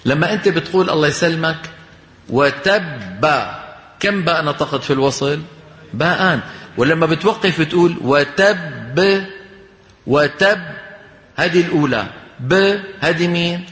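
A man teaching Quran recitation. He asks questions, answers them himself and slowly chants the verses he uses as examples. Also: a little high, a bit bright. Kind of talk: recitation lesson. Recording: long hall reverb.

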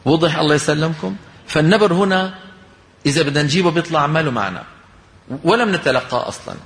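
A man teaching Quran recitation. He asks questions, answers them himself and slowly chants the verses he uses as examples. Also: a little high, lively intonation, a bit bright. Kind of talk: recitation lesson. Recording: long hall reverb.

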